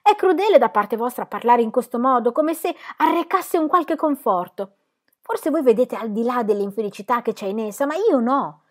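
A woman's voice: on the low side, fairly quick, a little mellow, close to an everyday voice. A woman reading aloud, voicing a proud, poor young man in love who bursts out in bitter anger. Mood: angry.

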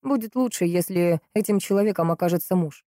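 A woman voicing a curt, matter-of-fact male doctor in her own low, mellow voice. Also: fairly quick, no echo, studio quality, natural voice.

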